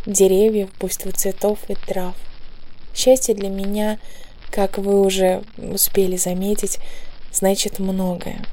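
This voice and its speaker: A young woman in her twenties speaks very slowly in a warm, mellow voice. Her talk is dreamy and lyrical. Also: medium pitch, poor audio. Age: 20s. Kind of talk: poetic monologue.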